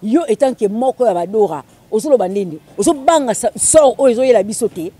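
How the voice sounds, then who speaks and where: A woman, an interviewer who asks steady questions and gives frequent murmured agreement. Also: on the high side, brisk, slightly rough.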